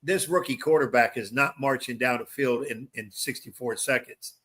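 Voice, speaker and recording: Nervous co-host and coach, a man with a bright, forceful voice. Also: medium pitch, moderate pace. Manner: nervous, ribbing, talks in restarts. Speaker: sports talk co-host and coach. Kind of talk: live game-watch commentary chat.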